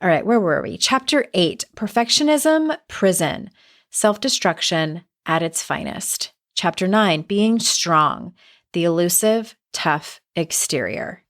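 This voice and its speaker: A middle-aged woman hosting a casual solo podcast, candid and conversational, with some vocal fry in her voice. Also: lowish voice, lively intonation, slow, fairly bright tone. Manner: candid, conversational, with mild swearing. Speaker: podcast host and self-help author.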